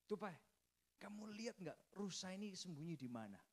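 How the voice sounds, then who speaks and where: A man's voice: sits high, big pitch swings, moderate pace, slightly rough, exaggerated voice. A man voicing a proud, bossy tiger in a fable he tells during a sermon.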